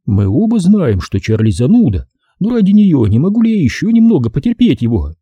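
Brief: sugary, flirtatious actress, pitched way up as a man reads her in an audiobook. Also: big pitch swings, brisk, breathy edge, dry recording, highs cut off. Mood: coaxing. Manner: coaxing, sugary. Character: cooing, flirtatious woman film star.

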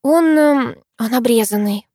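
A woman's voice: a little high, unhurried, husky, no room sound, clean studio sound, voice pushed up. Lyuba: a woman doing a sugary scheming young woman. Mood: sweet, coaxing. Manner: bright, coaxing, sugary. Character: sweetly scheming young woman, fake fiancée. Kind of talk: audiobook reading.

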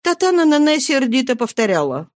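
A woman narrating an audiobook of a classic novel in a steady, measured voice. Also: sits high, dry recording, studio quality. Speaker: audiobook reader.

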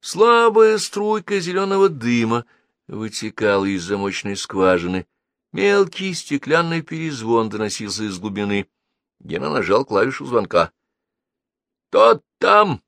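A man narrating a children's story aloud in an animated, theatrical reading. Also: mid-range voice, normal speed, no echo, studio quality. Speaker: audiobook narrator.

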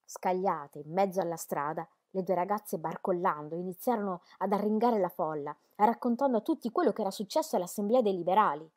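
A young woman reading an autobiography aloud as an expressive audiobook, turning dramatic and nearly shouting when she voices quoted cries. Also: mid-range voice, fairly quick, hardly any pauses. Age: young adult. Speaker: reader of an autobiography.

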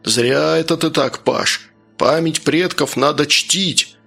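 Angry village heavy, played by a man: gravelly, high, loud, grumbling. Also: slow, faint music behind, exaggerated voice. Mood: grim. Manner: aggressive, grumbling, raised voice.

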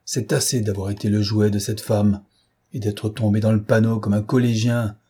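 A man playing a fierce, commanding gentleman thief in an audiobook, speaking urgently and imperiously. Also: fairly low pitch, flat delivery, moderate pace, husky. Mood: vehement.

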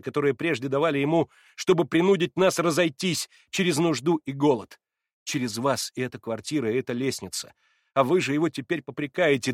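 A man's voice: mid-range voice, no room sound, clean studio sound, lightly acted. A man voicing a proud, wounded young woman who speaks in impassioned reproach, in an audiobook reading.

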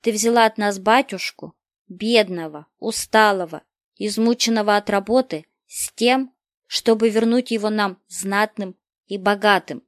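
A woman's voice: medium pitch, measured pace, no echo, close to an everyday voice. A woman reading aloud, voicing a bold young peasant boy who pleads earnestly, in a dry close recording. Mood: contrite. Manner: pleading, heartfelt.

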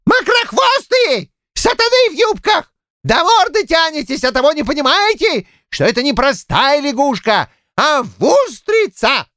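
A male audiobook narrator voicing a boastful, shifty old Cossack cook in a shrill, indignant, rambling folksy voice. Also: sing-song, a little slow, a bit bright, no room sound, studio quality, exaggerated voice. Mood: blustering. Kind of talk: audiobook character voice.

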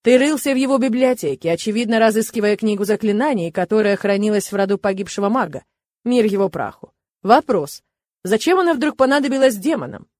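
A composed, restrained male interrogator, as a woman narrator puts him on. He speaks measured and firm. The sound is dry and close. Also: mid-range voice, expressive, a little mellow, dry recording, close to an everyday voice.

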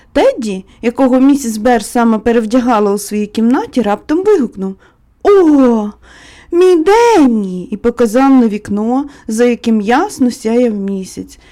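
A woman narrating a classic novel as an audiobook in a calm, measured storytelling voice. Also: a little high.

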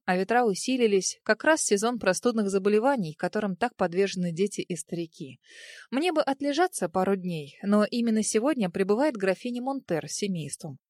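A woman reading a first-person storybook narration in a lively, emotional way. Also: medium pitch, no room sound, clean studio sound. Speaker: audiobook narrator.

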